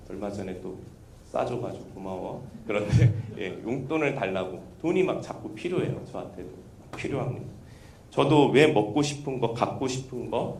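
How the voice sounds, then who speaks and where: A male pastor delivers an earnest sermon, shifting easily into chatty personal stories. His voice sits at an ordinary pitch. The sound is roomy and picked up from a distance, with a faint hum of ambience underneath. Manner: earnest, conversational preaching with personal asides.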